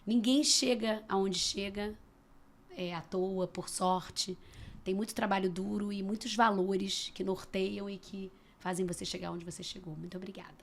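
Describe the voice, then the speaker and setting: A woman's voice: mid-range voice, fairly even intonation, normal speed, vocal fry. Gracious woman podcast co-host. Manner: gracious, appreciative, wraps up questions. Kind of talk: casual interview talk.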